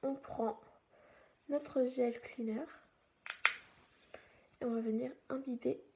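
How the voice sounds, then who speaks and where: A woman's voice: fairly high pitch, fairly even intonation, slow, warm tone, slight background noise. Chatty woman doing a nail tutorial. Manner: chatty, many fillers, some whispered asides. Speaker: beauty vlogger.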